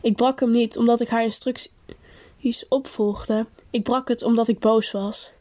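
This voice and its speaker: Woman narrator with a fairly high voice, reading a first-person story at a steady, unhurried pace.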